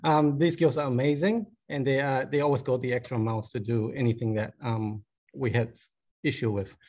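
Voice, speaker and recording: A man's voice: medium pitch, steady tone, moderate pace, darkish tone. A man with a Malaysian accent giving an informal, chatty motivational business talk with a self-deprecating touch and short emphatic phrases. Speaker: conference guest speaker.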